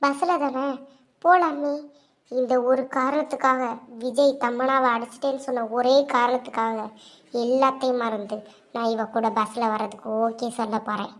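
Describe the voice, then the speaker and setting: A woman's voice: fairly high pitch, steady tone, normal speed, lightly acted. A woman voicing a scheming, two-faced young woman in a cartoon, with sly gloating asides. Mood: scornful. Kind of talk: cartoon voice acting.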